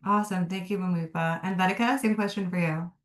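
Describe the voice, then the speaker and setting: A woman moderating an online panel in an upbeat, brisk way. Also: on the low side, fairly even intonation. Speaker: webinar moderator. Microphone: video call. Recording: echoey room.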